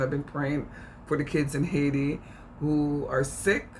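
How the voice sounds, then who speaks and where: A man's voice: a little high, a bit bright, slight background noise, poor audio. A middle-aged man with a Jamaican accent, giving impassioned, informal commentary in an earnest, emphatic way, repeating phrases for stress. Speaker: speaker on immigration issues.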